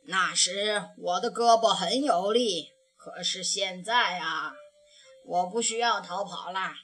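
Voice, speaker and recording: A woman voicing a kind, patient old grandfather bear in a children's storybook reading, speaking gently with sighing pauses. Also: mid-range voice, pitched below the performer's own voice. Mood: gentle.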